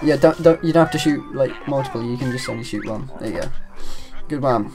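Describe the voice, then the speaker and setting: A man's voice: mid-range voice, brisk, over music. A man guiding a friend through a game in casual chat, giggly and encouraging. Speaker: guide on a co-op playthrough.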